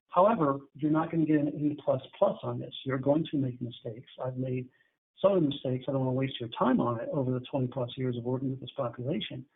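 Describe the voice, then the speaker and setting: A man's voice: medium pitch, gravelly, slightly rough. A middle-aged man, a therapist, giving a candid, conversational webinar lecture on addiction treatment. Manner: candid, conversational, acts out client dialogues. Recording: tinny phone-like webinar audio.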